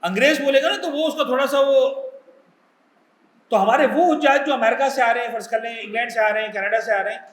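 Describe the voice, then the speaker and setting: Cleric, male, high voice, chatty religious lecture in an echoey room. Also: fairly bright tone. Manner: conversational, mixes English words, asks the audience questions. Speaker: cleric teaching a pilgrimage class.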